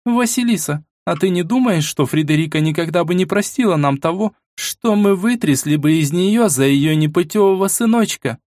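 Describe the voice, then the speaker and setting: A man voicing a calm noblewoman who speaks in a soothing, conciliatory way. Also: high-pitched, normal speed, few pauses, no echo, clean studio sound, pitched above the performer's own voice. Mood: placating.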